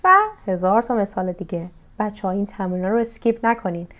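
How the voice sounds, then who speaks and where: A young woman with a Persian accent teaching English grammar, giving slow, deliberate English examples and quick explanations in Persian. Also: mid-range voice, fairly even intonation, a little mellow. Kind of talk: grammar lesson.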